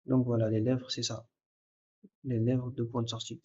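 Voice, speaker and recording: A man's voice: mid-range voice, flat delivery, moderate pace, mellow. A man teaching a recorded lesson, explaining step by step and addressing the listener directly, repeating sounds aloud to demonstrate them. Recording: dull lo-fi recording.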